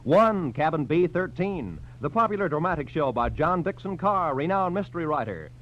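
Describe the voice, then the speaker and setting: An American man announces on 1940s radio, reading scripted credits and promotions in a polished, emphatic, formal style. His fairly high voice is sing-song and moves at a moderate pace, heard through a dull 1940s radio recording.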